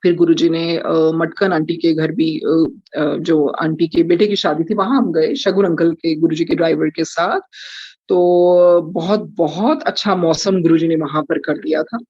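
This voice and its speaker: A woman's voice: sits low, steady tone, a little slow, warm tone, slightly rough, no room sound. A middle-aged woman giving a devotional testimony, mixing Hindi and English with many hesitant fillers. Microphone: video call. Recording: dull, dry video call audio.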